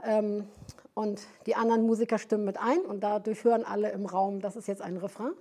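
A woman's voice: mid-range voice, little pitch movement, fairly quick, warm tone. A woman teaching a session at a prayer house, explaining step by step and often searching for words with fillers and restarts.

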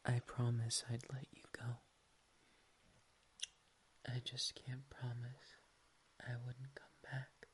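A speaker performing an ASMR roleplay as a doting partner, whispering softly, close to the mic, affectionate and teasing. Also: mid-range voice, completely flat delivery, takes it slowly, pauses often, slight background noise. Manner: soft, intimate whispering.

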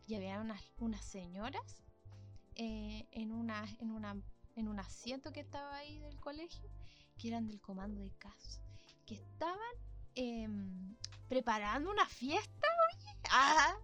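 A woman's voice: on the high side, normal speed, faint music behind. A young woman with a Chilean accent, hosting a casual chat and telling a playful, slang-filled story. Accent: Chilean Spanish. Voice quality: animated and playful, peppered with slang.

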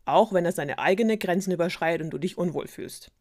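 A woman's voice: on the low side, fast, darkish tone, lightly acted. A woman voicing a strict old king who scolds his daughter, in a spoken fairy tale. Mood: stern. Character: stern, grumpy old king and father.

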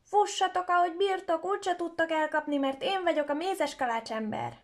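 A woman voicing a cheeky, boastful little gingerbread boy who shouts his taunts in a high voice. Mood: taunting.

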